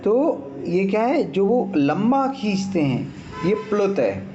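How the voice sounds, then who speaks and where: A man's voice: sits high, big pitch swings, takes it slowly, lo-fi sound, music in the background. A man teaching Sanskrit grammar in an online class, patiently explaining and checking that students follow. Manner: patient, checks understanding, demonstrates sounds aloud.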